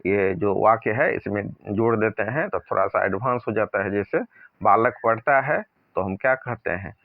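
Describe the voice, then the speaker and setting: Guy teaching a grammar lesson, kinda low voice, reads examples slow then explains, sounds like a phone line. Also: no echo. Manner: slow, deliberate reading of example sentences, then plain Hindi explanation. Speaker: Sanskrit teacher. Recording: dry, narrow phone-like sound.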